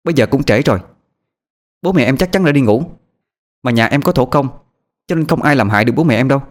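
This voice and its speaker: Man putting on a young woman's voice, higher, firm and soothing, takes charge. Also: lively intonation, fast talker, natural voice. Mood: firm coaxing. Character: young woman, firm and caring older sister type.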